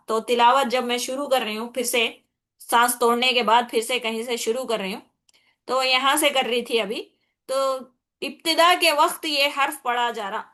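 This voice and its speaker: Teaching Quran recitation, this Indian woman speaks with a Hyderabadi Urdu accent and a fairly high, bright, forceful voice. She lays out tajweed rules with patience, goes over her points again, frequently checks in with the class, and recites Arabic examples at a slower pace.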